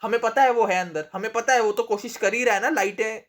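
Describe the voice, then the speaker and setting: A young man in casual live movie commentary, excitable and swearing, whose voice goes thin and high when excited. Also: fast talker. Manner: excitable, swears often, laughs a lot. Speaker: movie reaction host.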